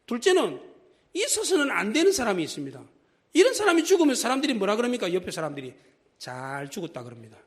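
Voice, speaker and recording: A man's voice: extremely high pitch, wildly swooping pitch, quick pace. A man preaching a Sunday sermon as pastor in a church, acting out quoted voices as he goes. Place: church sanctuary.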